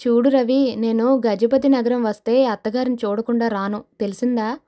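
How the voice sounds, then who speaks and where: A young wife in a storybook drama, firm and insistent in how she puts things, as a woman narrator voices her. The voice is fairly high and direct. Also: steady tone, moderate pace, warm tone, close to an everyday voice.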